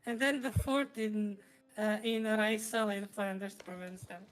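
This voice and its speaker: A woman's voice: mid-range voice, measured pace, low-quality recording. A woman streamer chatting casually over a game, her voice run through a voice changer that makes it slightly robotic. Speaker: streamer, host. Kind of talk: casual gaming stream chat. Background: music.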